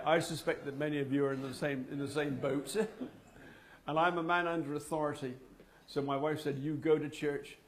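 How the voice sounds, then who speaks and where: A man giving a personal testimony to a men's group, telling his story slowly and dramatically with long pauses. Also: mid-range voice, a little hiss or hum. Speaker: speaker at a men's fellowship meeting.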